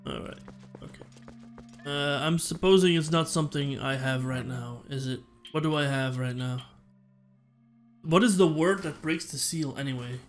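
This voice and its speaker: A man's voice: fairly high pitch, moderate pace, soft background music. A man streaming a video game, muttering casual asides and puzzling aloud. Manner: mumbles asides while reading and puzzling aloud. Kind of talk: casual gameplay commentary.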